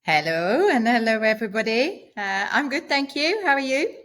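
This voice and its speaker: A woman's voice: a little high, animated, moderate pace, fairly bright tone. A Norwegian woman with a Norwegian accent, co-hosting a podcast in a cheerful, playful way. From Norway. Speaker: podcast co-host. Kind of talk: casual podcast chat.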